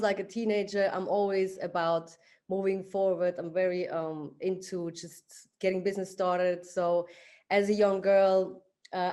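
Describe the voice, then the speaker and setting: A woman from Switzerland, a guest on a podcast, telling her life story in a relaxed way with many filler words. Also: mid-range voice. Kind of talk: casual interview storytelling.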